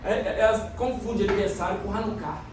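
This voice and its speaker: High-voiced pastor in an echoey hall. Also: male voice, fairly even intonation, a little fast, music in the background. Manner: explains and quizzes the congregation. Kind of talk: sermon. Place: church hall. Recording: echoey church hall, mic from a distance.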